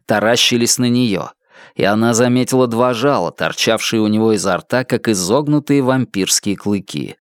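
A man reading an audiobook in a steady, dramatic storytelling manner. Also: mid-range voice, no echo, studio quality. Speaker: audiobook reader. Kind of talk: scripted narration.

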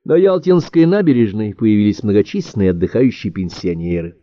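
Expressive low-voiced male audiobook narrator. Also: no echo. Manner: measured, expressive storytelling. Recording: dry, dull-sounding audiobook recording.

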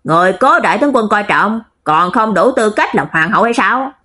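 A woman voicing a blunt, loud male general who talks hastily. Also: medium pitch, lively intonation, a little fast. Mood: passionate.

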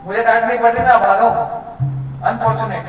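Man, high voice, earnest devotional talk, far from the mic, long hall reverb. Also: level tone, quick pace, muffled recording. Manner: earnest, storytelling, mixes English words. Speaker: devotee speaker. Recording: distant mic, echoey hall, music behind.

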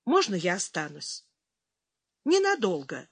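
A woman's voice: huge pitch swings, a little slow, husky, dry recording, heavily acted. A woman reader voicing a young female captive who pleads and bristles with defiance. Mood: hopeful. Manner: pleading, turning to shrill shouting.

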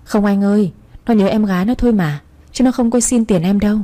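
A woman's voice: mid-range voice, brisk, mellow, natural voice. A woman voicing a middle-aged mother who scolds her daughter yet fears her husband. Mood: scolding, anxious.

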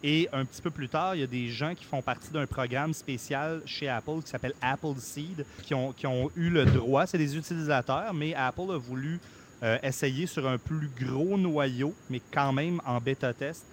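A man with a Québécois accent hosting a podcast casually, in a halting, hesitant way. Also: mid-range voice, slight background noise. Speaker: podcast host.

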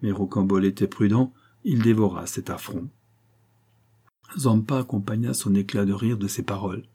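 A male storyteller reads an old adventure tale in scripted narration. His voice sits low and dark, with a husky edge. He lifts his tone when he voices the quoted lines. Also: moderate pace. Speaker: audiobook reader.

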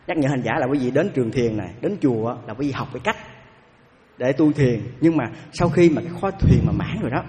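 A Buddhist monk gives a dharma talk, speaking quickly in a fairly high voice. He tells stories in an animated way, repeats himself and keeps asking his listeners questions. His voice rings with the long reverb of a large hall. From south-central Vietnam. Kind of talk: dharma talk with personal anecdotes.

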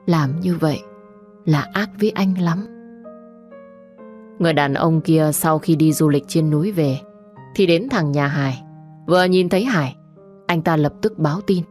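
A woman narrating an audiobook story in calm, measured scripted narration. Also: low-pitched. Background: faint music.

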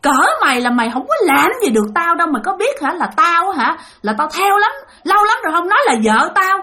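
Woman playing a haughty male ghost, mocking, shouting, very high voice, wild pitch swings. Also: expressive, fast talker, full character voice. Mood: boastful. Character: arrogant boastful male ghost possessing a woman.

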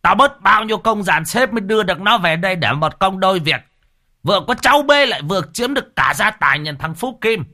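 A man's voice: sits high, animated, a little fast, bright, forceful tone, pitched above the performer's own voice. A man voicing a greedy, cruel old village chief who screams abuse at his servants. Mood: ranting. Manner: screaming, abusive tirades.

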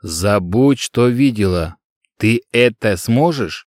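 Brief: male reader doing a cold, calm master, curt commands, dry close reading. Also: on the low side, slow pace, no room sound. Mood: commanding.

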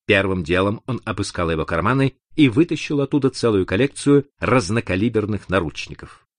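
Man narrating an audiobook, expressive and dramatic, low voice, lively pitch, dry close sound. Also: a little fast, dry recording. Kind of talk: audiobook reading.

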